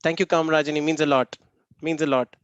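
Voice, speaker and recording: Male webinar trainer, Tamil Indian English accent, high register, informal and chatty with repeated thanks, dry sound. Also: steady tone, fairly quick, dry recording, lo-fi sound. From Namakkal, Tamil Nadu, India. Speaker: workshop trainer and host. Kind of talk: informal online webinar sign-off, thanking participants by name. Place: online video meeting.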